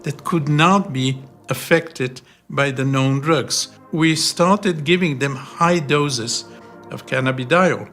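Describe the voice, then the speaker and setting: Older man from Bulgaria, slow and deliberate. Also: medium pitch, fairly bright tone, faint music behind. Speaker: research scientist. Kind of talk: documentary interview.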